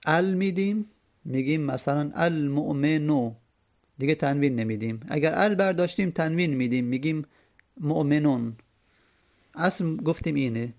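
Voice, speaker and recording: A man's voice: a little high, a little mellow. A man teaching Arabic grammar, patiently repeating each point and example.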